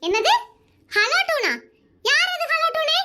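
A woman's voice: very high voice, very animated, takes it slowly, heavy background noise, heavily acted. A woman voicing a quarrelsome, nagging village wife in a cartoon, needling with mocking questions. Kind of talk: cartoon voice acting.

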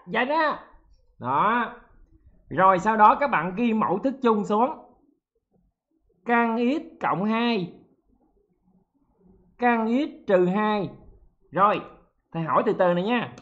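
A male math teacher leading an exam-prep lesson, lively and joking, checking in with students often. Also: high-pitched, a little slow, long pauses, lo-fi sound.

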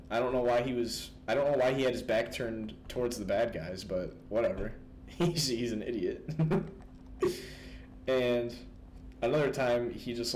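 A man's voice: medium pitch, darkish tone, slight background noise. A young man chatting casually about a game, rambling with lots of fillers and laughing often. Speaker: gaming video host. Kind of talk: casual gaming chat.

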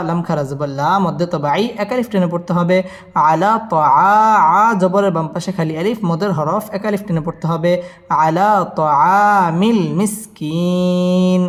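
A man teaching recitation, spelling out letters and chanting verses in a slow, drawn-out melody with brisk explanations between. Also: on the high side, big-room sound.

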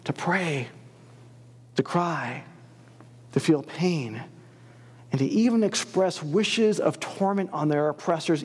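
High-voiced male pastor preaching. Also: in a large hall. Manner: earnest, expressive scripture reading. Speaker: lead pastor. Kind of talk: sermon. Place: church sanctuary.

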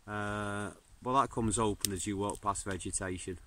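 A man's voice: on the low side, slight background noise. A man, reviewing a knife in a birch forest, talking casually with plenty of fillers. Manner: relaxed, unhurried, many fillers and restarts. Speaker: bushcraft video host. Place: birch forest outdoors, smoky campfire. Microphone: phone or camera at arm's length.

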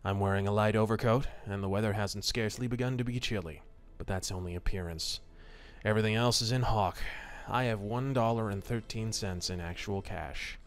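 A man's voice: fairly low pitch, pitched below the performer's own voice, close to an everyday voice. A man reading a nervous, despairing young man. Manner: halting, confessional.

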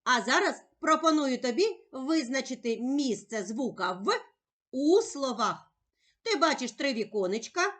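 A woman teacher speaking slowly and carefully in a sing-song voice, giving a reading lesson for young children. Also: sits high, animated, fairly bright tone. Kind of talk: slow, clearly articulated children's reading lesson.

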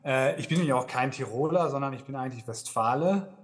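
A man from Dortmund in Germany's Ruhr area, a sales manager appearing as a podcast guest, speaks at a quick pace in a medium pitch. His conversational interview answer is friendly and rambling, packed with fillers.

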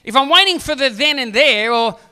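A man's voice: very high voice, expressive, fairly quick, sharp tone, smooth. A man in his forties, a pastor preaching a sermon on a church stage into a handheld mic, joking with the audience and then pressing questions. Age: 40s.

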